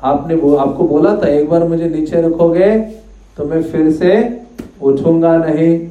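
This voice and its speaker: A man's voice: a little high, steady tone, a little slow, dark tone, natural voice. Man voicing a stubborn talking mountain. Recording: roomy, distant, dull hall recording.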